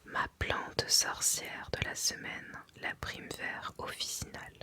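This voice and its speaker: An ASMR reader whispering softly in an unvoiced, breathy voice, reading aloud carefully with deliberate pauses.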